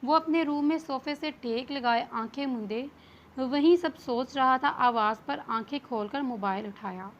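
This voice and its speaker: A woman narrates a novel in a steady, read-aloud storytelling manner. Her voice is high. The recording is dull and lo-fi, with a faint hiss behind it. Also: a little slow. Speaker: novel reader.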